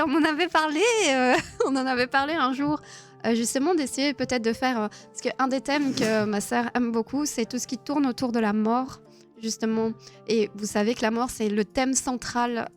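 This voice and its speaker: Woman live-streamer, fairly high voice, casual chat, frequent laughter, faint music behind. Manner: chatty, laughs often, many fillers and restarts. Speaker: streamer hosting a live about Tolkien.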